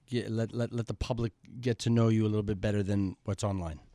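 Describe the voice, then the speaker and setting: Excitable male podcast host, dry studio. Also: fast, dry recording. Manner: excitable, rambling introductions with big pitch swings. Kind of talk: studio interview. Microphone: studio microphone.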